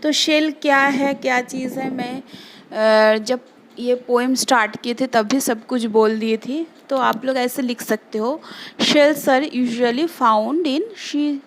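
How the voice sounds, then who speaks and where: A woman teacher walks children through English vocabulary, spelling each word letter by letter. Her voice sits high and her delivery is very slow and deliberate. A faint hiss of background noise runs under the recording. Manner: slow, spells words letter by letter and explains meanings. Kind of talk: remote English lesson for children.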